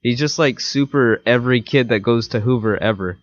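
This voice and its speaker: A young man co-hosting a casual podcast, laid-back and teasing in a deadpan way, sniffly from a cold. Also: mid-range voice, fairly quick. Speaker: podcast co-host. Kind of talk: casual chat. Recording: dry, dull lo-fi sound.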